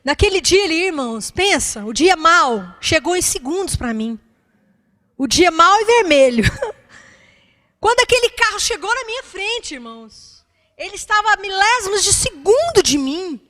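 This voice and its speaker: A woman's voice: very high voice, sing-song, moderate pace, pushed and bright. A woman pastor, preaching a fervent sermon and calling out to the congregation.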